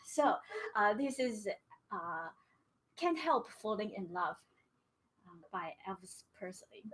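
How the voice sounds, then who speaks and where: A woman's voice: mid-range voice, big pitch swings, takes it slowly, fairly bright tone, rough recording. A woman in her thirties from Taiwan with a Taiwanese Mandarin accent, a musician giving a casual online lecture, hesitant with many fillers and restarts, on a webcam in a small home music room. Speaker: erhu player giving a lecture recital. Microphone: webcam at a distance.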